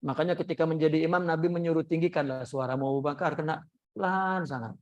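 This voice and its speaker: A man's voice: fast talker, muffled recording. A man teaching a religious class, telling a story and acting out the voices of its people. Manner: lively storyteller acting out quoted voices with big pitch jumps. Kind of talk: sermon storytelling.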